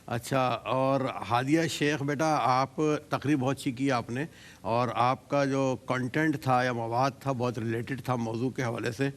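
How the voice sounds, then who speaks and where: A man judging a student debate, speaking in a measured, deliberate way and encouraging each student. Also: medium pitch, fairly even intonation. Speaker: debate judge. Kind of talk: giving feedback to students. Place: TV studio.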